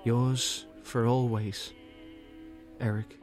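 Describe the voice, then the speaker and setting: An actor giving a gentle, earnest reading as a young soldier writing love letters to his sweetheart from the front. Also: medium pitch, little pitch movement, drawn-out words, over music. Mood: tender. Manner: earnest, gentle, softly intimate.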